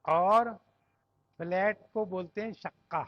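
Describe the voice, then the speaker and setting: Pakistani guy teaching a class, high voice, keeps asking the students stuff, dull dry lo-fi sound. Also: no echo. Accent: Pakistani Urdu. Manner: explains step by step, asking the class questions and checking with "right?". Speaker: Arabic grammar teacher. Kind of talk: classroom lesson.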